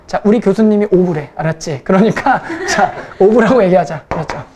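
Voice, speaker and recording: A woman's voice: mid-range voice, expressive, a little fast, a crowd in the background. A young woman math teacher lecturing a class, casual and teasing, who keeps checking in with her students.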